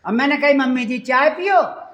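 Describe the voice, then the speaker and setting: Woman doing a high, sheepish young bride, lilt, dull roomy sound. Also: moderate pace, a bit bright. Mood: flustered. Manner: pleading, embarrassed. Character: shy flustered young daughter-in-law.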